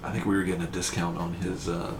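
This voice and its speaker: Gravelly guy at a game table, dry answers, echoey, noisy. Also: sits low, little pitch movement, fast. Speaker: player. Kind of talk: tabletop role-play banter. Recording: roomy with clear background noise.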